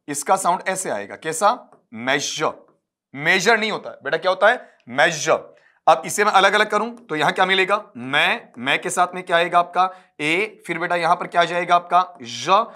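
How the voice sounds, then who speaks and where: Bright and forceful, this slightly high male voice belongs to an English teacher running a phonetics class for exam prep. He works patiently through sounds one by one, addressing students as "beta", while recording at a desk for an uploaded video.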